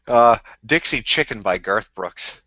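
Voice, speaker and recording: A man's voice: medium pitch, pushed and bright, no echo, muffled recording. A drunk man from Minnesota with a Minnesota accent, rambling crudely in casual livestream chat and laughing often. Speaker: streamer.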